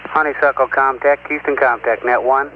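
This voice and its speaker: A man barks clipped call signs over a tinny radio loop, his voice fading in through static. He keeps his pitch flat and level, all business, like a controller checking a link. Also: moderate pace. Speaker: communications network controller. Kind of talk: radio voice procedure.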